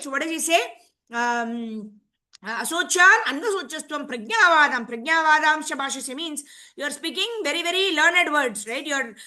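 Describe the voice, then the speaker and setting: A woman's voice: sits high, pushed and bright. A woman with a cold, teaching a scripture class, chanting verses and checking in with "right?". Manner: explains with frequent "right?" checks. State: has a cold.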